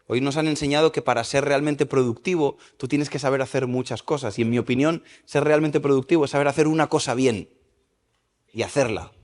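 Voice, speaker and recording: A man preaching a sermon at a church service, lively and questioning the congregation. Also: medium pitch, brisk. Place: church service in a large hall. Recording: reverberant church hall.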